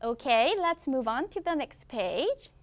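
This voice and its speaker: A woman with a Korean accent and a high, sing-song voice teaches children English from a picture book. She reads the English slowly and with exaggeration, then quickly explains each part in her own language in this bilingual storybook lesson.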